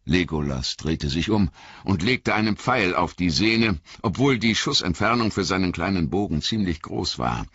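A man reads a fantasy novel aloud in a measured, dramatic way. His low voice is bright but husky, and it moves a lot in pitch. The recording is dull and dry. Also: lively intonation, dry recording. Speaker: audiobook narrator. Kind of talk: scripted fantasy narration.

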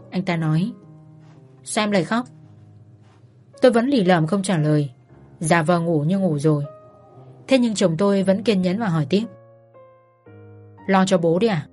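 Woman reading a sad story in first person, soft and thoughtful, quiet music under it. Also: mid-range voice. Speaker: narrator. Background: faint music.

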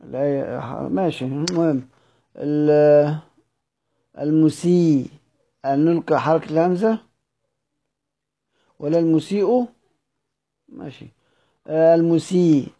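A man with an Egyptian Arabic accent teaches the fine points of Quran recitation. His voice sits a little high and sounds soft and mellow, and the recording is dull and lo-fi. He moves between reading a classical text and explaining it in plain speech, full of rhetorical questions. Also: measured pace, long pauses. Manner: reads a passage, then explains it in colloquial speech with rhetorical questions.

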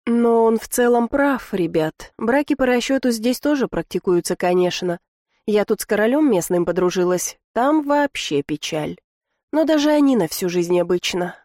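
A woman narrating a first-person novel in a lively, wry, conversational way. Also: a little high, normal speed, no echo, clean studio sound. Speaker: audiobook reader.

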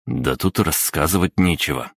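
Curt sullen schoolboy, read by the male narrator, tense and defiant, deep, dry. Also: moderate pace, gravelly, a bit bright, no room sound, full character voice. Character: sullen sixteen-year-old red-haired schoolboy.

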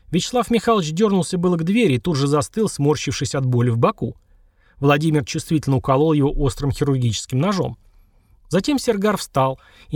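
Male audiobook narrator, mid pitch, close dry studio read. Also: no echo. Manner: raises pitch for dialogue, steady narrating. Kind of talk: scripted narration with voiced characters.

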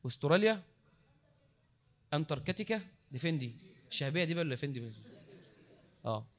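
Egyptian male preacher, mosque lecture; quick, high-pitched, engages the crowd with questions. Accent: Egyptian Arabic. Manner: lively, repeats words for emphasis, asks the crowd questions.

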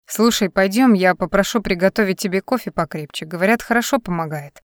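A woman's voice: mid-range voice, fairly quick, dry recording, studio quality, natural voice. A woman reading an audiobook, voicing a tired, level-headed young male musician who speaks curtly and patiently. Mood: concerned.

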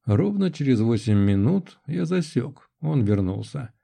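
A man narrating a novel in the first person in a calm, measured way. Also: medium pitch, creaky. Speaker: audiobook narrator.

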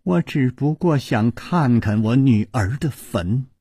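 A tired, guarded woman of the story, speaking low and quiet with long sighs, as a man plays her. the delivery is slow and husky, with rises and falls in pitch. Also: animated, dry recording, clean studio sound, full character voice. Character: weary, aloof older woman, sighing and guarded.

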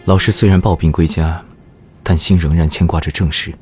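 A male actor playing a composed, courteous scholar in a Chinese historical audio drama, speaking in a measured, polite way. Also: sits low, steady tone, a little mellow, slightly rough, faint music behind. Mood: composed, gentle.

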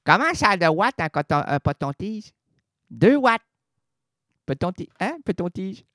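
Radio host, male, goofy rambling storyteller, slightly high voice, dry close studio sound. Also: big pitch swings, a little slow, a bit bright, no echo. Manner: rambling, playful, wordplay and stammered restarts. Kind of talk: absurd comic storytelling on radio.

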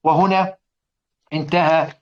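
A man's voice: on the high side, fairly even intonation, a little slow, lo-fi sound. A man with an Egyptian accent giving a recitation lesson, repeating examples and quizzing his listeners with questions. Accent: Egyptian Arabic. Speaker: teacher of Quran recitation. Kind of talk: classroom lecture.

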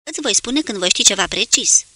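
A woman's voice: mid-range voice, expressive, noisy background, close to an everyday voice. A woman reading the lines of a tired, burdened male submarine commander in an audiobook.

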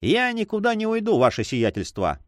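A man's voice: sits high, huge pitch swings, fairly quick, dry recording, clean studio sound, voice pushed up. A man voicing a cold, calculating spy in an audiobook, coolly polite and deferential. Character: cold, calculating male spy, greedy for gold. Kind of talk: audiobook reading.

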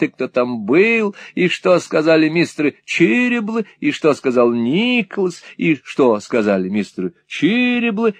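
Expressive male audiobook narrator. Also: on the high side, no echo. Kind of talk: scripted narration.

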